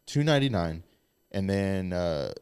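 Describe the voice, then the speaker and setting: A man hosts a podcast from a studio in loose, casual conversation. His voice sits fairly low. He rambles, with plenty of "like" as he goes. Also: expressive, unhurried, a little mellow, clear, resonant tone. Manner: rambling, peppered with "like". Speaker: podcast host. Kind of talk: casual chat.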